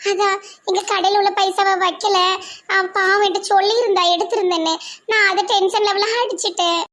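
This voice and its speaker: A woman's voice: extremely high pitch, level tone, brisk, a bit bright. A woman voicing a hot-tempered, generous young village wife in a comic cartoon, with a Tirunelveli Tamil accent and an emphatic, scolding manner. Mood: remorseful.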